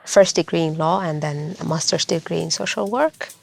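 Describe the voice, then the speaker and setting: A young woman, a lawyer and social worker, answering interview questions in a measured, earnest way. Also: sits low, vocal fry, dry recording. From Ethiopia.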